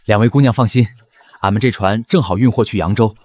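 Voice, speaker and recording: A mid-pitched, dry voice of a folksy boatman in a costume drama, played by an actor. He talks quickly and reassuringly, with a friendly air. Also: darkish tone, dry recording, lightly acted.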